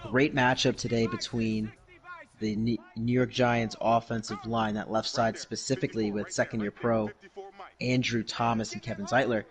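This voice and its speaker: A man calling a simulated football game in broadcast style, with brisk play-by-play that rises on big plays and quick self-corrections. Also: lowish voice, level tone. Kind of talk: mock broadcast sports commentary over a video game.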